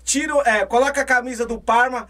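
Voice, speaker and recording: A man hosts a live podcast in a very high voice. He chats loosely, thanks viewers for their donations and repeats filler words as he goes. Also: fairly even intonation, fairly quick, bright, forceful tone. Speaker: podcast host.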